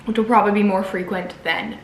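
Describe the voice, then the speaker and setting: A woman's voice: medium pitch, steady tone, quick pace, echoey room, slight background noise, poor audio. A woman recovering from wisdom teeth removal, chatting casually to camera as she narrates her meals in a food vlog. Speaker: food vlogger.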